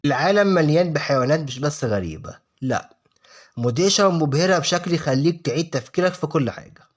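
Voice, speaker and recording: A man's voice: fairly high pitch, lively intonation, quick pace. A man with an Egyptian accent giving a scripted, colloquial nature documentary narration, addressing the listener directly with dramatic phrasing. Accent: Egyptian Arabic. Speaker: narrator of an online video channel.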